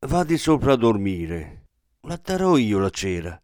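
A man voicing a sharp-tongued, practical middle-aged wife in a dramatic radio reading. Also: medium pitch, very animated, a little slow, no echo, studio quality. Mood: sharp nagging. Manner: curt and irritated.

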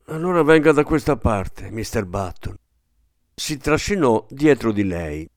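Male audiobook narrator, animated delivery, dry booth sound. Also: mid-range voice, no room sound. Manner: expressive storytelling with many voices. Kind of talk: scripted narration. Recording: dry close studio sound.

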